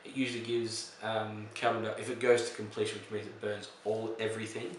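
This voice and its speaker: Casting note: low-voiced male chemistry teacher, easygoing and explanatory, recorded off-mic in a very echoey room. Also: a little fast, recorded from a distance, slight background noise. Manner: relaxed, explanatory, with fillers and self-corrections. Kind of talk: recorded lesson explaining reactions.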